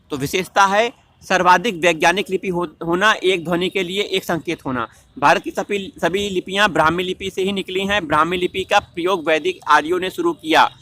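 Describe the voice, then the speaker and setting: A man's voice: high-pitched, sharp tone, no echo. A man teaching an exam-prep lesson in a question-and-answer style, repeating answers and correcting himself mid-word.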